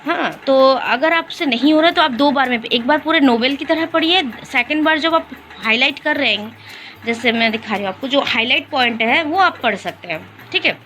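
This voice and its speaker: A young woman talks to her viewers in a relaxed study vlog, her voice high and bright. She explains at an easy, chatty pace, pausing on fillers. Faint room ambience sits behind her. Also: a little hiss or hum. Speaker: vlogger. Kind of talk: casual study vlog talk.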